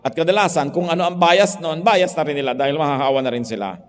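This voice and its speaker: A male pastor preaching a sermon, moving between quiet stretches and emphatic points. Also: on the high side, fast talker, in a large hall. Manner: preaching in Tagalog mixed with English, swinging from soft to emphatic.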